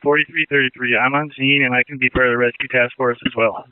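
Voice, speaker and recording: A man's voice: mid-range voice, flat delivery, fast talker, clear, resonant tone, no room sound. Man's urgent voice over a police walkie-talkie. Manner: clipped, loud and urgent. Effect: heard over a police walkie-talkie. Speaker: police officer in the field. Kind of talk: terse radio call-signs. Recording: tinny radio transmission.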